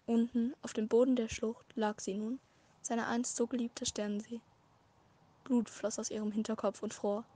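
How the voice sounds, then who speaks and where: A woman narrating a fan-written story as a short audiobook, with a measured, dramatic reading and occasional slips. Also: on the high side, flat delivery, dark tone. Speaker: amateur audiobook reader.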